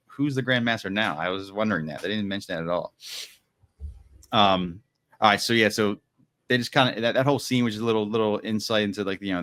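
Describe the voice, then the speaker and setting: His voice is lowish with a fairly bright tone as he co-hosts a podcast. The man rambles through a casual book recap, saying "like" and "you know" a lot and doing quick acted quotes.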